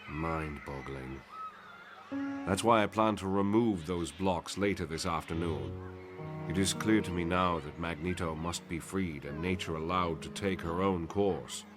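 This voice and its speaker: An actor playing an older, guilt-ridden professor in a motion comic, speaking in a grave, measured, eloquent way. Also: male voice, sits low, music in the background. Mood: solemn, resigned. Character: weary, guilt-ridden older male professor and mutant mentor.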